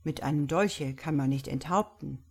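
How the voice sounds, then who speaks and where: A woman doing a calm, musing little priest. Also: deep voice, unhurried. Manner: quiet, mild, musing. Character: calm, thoughtful small old male priest.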